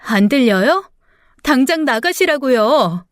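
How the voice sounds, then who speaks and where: A woman voicing a grown daughter who is bitter and defiant toward her father, with sharp, accusing, tearful protests. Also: high voice, expressive, a little slow, no echo, studio quality. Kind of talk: radio drama acting.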